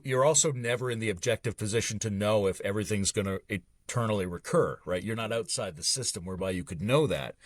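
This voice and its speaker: A man's voice: lowish voice, dry recording. A man, a guest author on a podcast, explaining philosophical ideas in a fluent, lecture-like way. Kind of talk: philosophical conversation.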